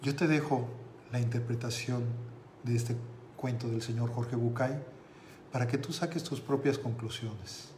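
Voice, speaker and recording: Life coach guy, talks right to you, slow pauses, echoey room w/ faint hum. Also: mid-range voice, darkish tone. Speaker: motivational coach. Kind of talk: motivational storytelling talk. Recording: roomy with faint ambience.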